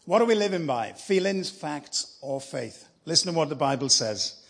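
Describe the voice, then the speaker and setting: A man in his fifties with a South Welsh accent, giving a sermon live in church as a guest preacher, telling his story with lively enthusiasm. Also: fairly high pitch, normal speed, gravelly, breathy edge. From South Wales. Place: church sanctuary.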